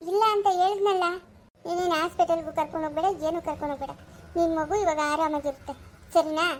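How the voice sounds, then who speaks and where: A woman's voice: very high-pitched, fairly even intonation, fast talker. A woman voicing the young male god Krishna in a cartoon, soothing and warning by turns. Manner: soothing yet warning, lecturing. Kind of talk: cartoon voice acting.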